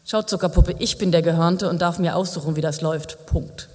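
A betrayed husband from an audiobook, firm and insistent on the surface but soft underneath, as a male narrator reads him. The voice sits slightly high. A long hall reverb trails each line. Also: steady tone, fairly quick, natural voice.

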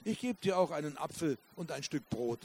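A man's voice: a little high, expressive, normal speed. A man reading as a kindly old peasant woman. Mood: coaxing. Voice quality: rough voice. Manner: coaxing, gently teasing. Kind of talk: author reading aloud.

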